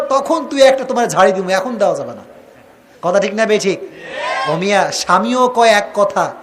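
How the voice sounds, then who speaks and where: A man with a high voice preaches a rousing sermon, over a faint background hiss. He shouts questions at his crowd, acts out bickering spouses, and slips English phrases into his speech. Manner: calls out questions to the crowd, demands loud replies; acts out husband and wife in quoted dialogue. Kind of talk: Bangla waz sermon to a crowd.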